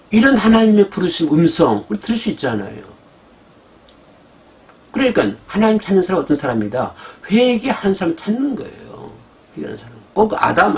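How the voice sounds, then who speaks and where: A man's voice: medium pitch, gravelly. A male pastor preaching a sermon, often checking in with the congregation and acting out scolding quotes. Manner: acts out God's scolding voice in quotes.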